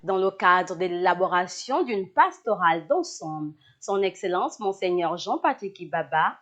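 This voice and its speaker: A woman's voice: on the low side, animated, moderate pace, fairly bright tone, highs cut off. A woman news presenter reading scripted narration.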